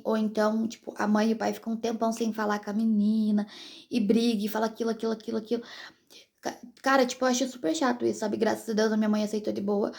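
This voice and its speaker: Chatty young woman with a gravelly voice. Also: mid-range voice, darkish tone. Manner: chatty, rambling, addresses viewers directly. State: pregnant. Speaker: vlogger. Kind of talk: casual storytelling to viewers.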